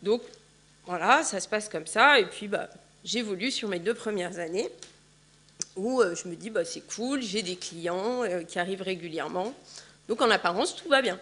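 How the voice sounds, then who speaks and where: A woman's voice: mid-range voice, expressive, moderate pace, fairly bright tone. A woman in her forties giving a conference talk in a large hall, chatty and full of fillers. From France. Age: 40s. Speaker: conference speaker.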